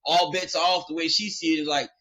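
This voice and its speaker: A man's voice: on the high side, brisk. A man hosting a podcast, telling a long story in a loose, rambling way with lots of fillers and acted-out quotes. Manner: animated retelling, acting out quoted dialogue. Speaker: podcast host. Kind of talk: casual storytelling.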